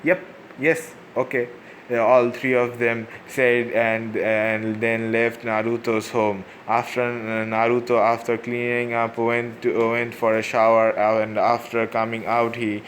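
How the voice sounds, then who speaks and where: Halting, flat-voiced man reading a story. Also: mid-range voice, slight background noise. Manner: halting, many fillers and restarts. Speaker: fan fiction reader. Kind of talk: reading fan fiction aloud.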